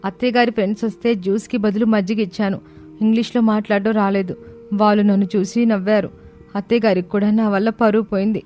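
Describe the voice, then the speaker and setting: A woman voicing a polite, earnest young village daughter-in-law in a cartoon, speaking softly and respectfully. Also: mid-range voice, flat delivery, quick pace, soft background music, close to an everyday voice. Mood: sad. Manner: soft-spoken and respectful. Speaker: voice actor. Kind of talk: cartoon voice acting.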